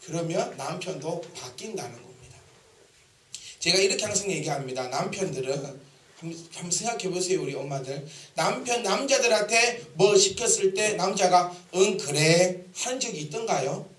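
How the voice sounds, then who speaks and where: A man's voice: high voice, normal speed, recorded from a distance. A man preaching a sermon in a church, joking and acting out everyday dialogue. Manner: animated, joking, acts out dialogue. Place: church sanctuary. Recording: echoey church hall.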